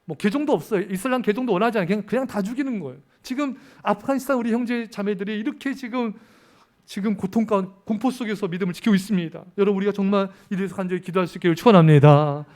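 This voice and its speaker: High-voiced fervent male preacher. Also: darkish tone. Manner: fervent preaching, repeated appeals to the congregation, slows and swells on key phrases. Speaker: pastor. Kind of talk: sermon.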